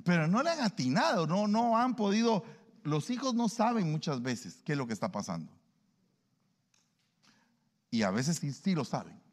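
Male preacher, fairly high voice with lively swings, big hall echo. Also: moderate pace, pauses often. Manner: animated, acts out everyday dialogues. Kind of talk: sermon. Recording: long hall reverb.

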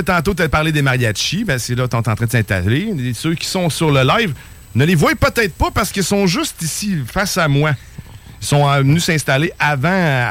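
A man with a Quebec French accent co-hosting a podcast, talking in a rambling, animated way. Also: medium pitch. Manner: rambling, animated, full of fillers. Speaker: podcast co-host. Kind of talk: casual studio banter.

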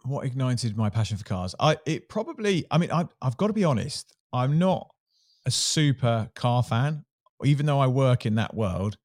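A man's voice: mid-range voice, expressive, normal speed, no room sound, clean studio sound. A middle-aged man from Surrey with a southern English Home Counties accent, answering interview questions in a casual, candid, self-deprecating way. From Surrey, England. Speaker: interview guest, sports marketing executive.

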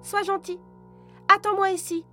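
A woman voicing a brave little girl in a storybook, speaking in a high, earnest voice. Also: little pitch movement, moderate pace, sharp tone, faint music behind, exaggerated voice. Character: brave little girl searching for her friend.

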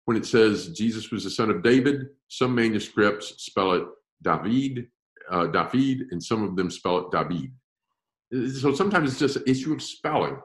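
Lively, echoey male Bible teacher. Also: fairly low pitch. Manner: animated, emphatic, slows down to stress words. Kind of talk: classroom-style Bible lecture.

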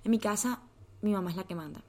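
Fast and darkish in tone, a medium-pitched woman of twenty with a Colombian accent swaps stories on a laid-back podcast, swearing and using plenty of slang as co-host.

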